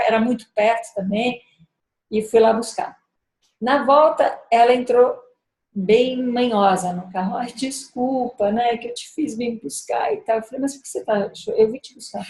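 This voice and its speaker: A middle-aged woman speaking thoughtfully about raising children, often pausing and restarting as she searches for words. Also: fairly high pitch, darkish tone, echoey room. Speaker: speaker at a parenting gathering. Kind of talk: reflective talk with personal story.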